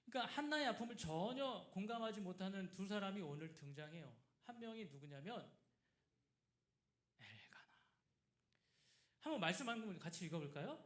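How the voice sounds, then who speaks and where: A man's voice: sits high, moderate pace, pauses often. A male pastor preaching a sermon, asking the congregation questions and acting out the people in his story. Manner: acts out quoted people in lively asides, asks the congregation questions. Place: church sanctuary. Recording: roomy church echo.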